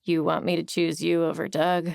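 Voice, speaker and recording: A woman's voice: low-pitched, flat delivery, normal speed, gravelly, no room sound, studio quality. A woman voicing a sarcastic, teasing male best friend who works as a private eye, in an audiobook. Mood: wry. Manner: sarcastic, teasing, then gentle. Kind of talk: audiobook character voice.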